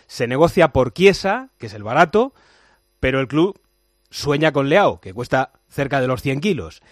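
A man with a Spanish accent hosting a night sports radio show, reading the day's football news with brisk, wry delivery into a studio microphone. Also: medium pitch, big pitch swings, dry recording. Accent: Spanish (Spain). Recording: dry studio sound.

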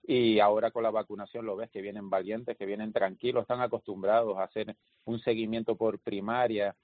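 Man, health official guest, low voice, dry tinny phone sound. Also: brisk, no room sound. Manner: lively, anecdotal explainer. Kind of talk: phone interview.

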